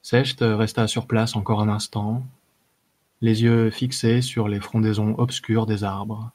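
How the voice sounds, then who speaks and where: A man reads a fantasy tale aloud in a low, husky voice. His pace is measured, with a few small hesitations between phrases. An audiobook narration. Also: little pitch movement, darkish tone. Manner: measured reading with occasional filler hesitations. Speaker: audiobook reader. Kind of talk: narrating a fantasy short story.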